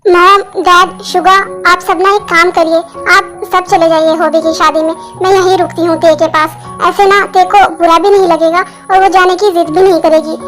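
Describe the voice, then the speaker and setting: A woman voicing a caring young sister-in-law who reasons gently and persuasively, in a Hindi fan dub. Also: very high-pitched, steady tone, normal speed, hardly any pauses. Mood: gentle. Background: background music.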